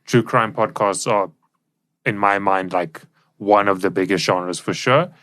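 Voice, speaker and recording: At a measured pace, a South African man with a lowish, slightly bright voice co-hosts a podcast. His explanations are casual and conversational, captured on a studio mic in a professional recording studio.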